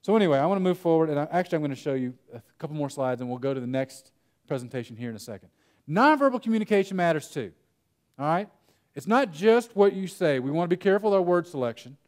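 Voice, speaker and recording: A young man leads a conference breakout session in a fairly high voice. He tells stories with plenty of jokes and talks straight to the audience. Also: fast talker. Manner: animated storytelling, jokes with the audience. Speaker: workshop speaker. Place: conference room.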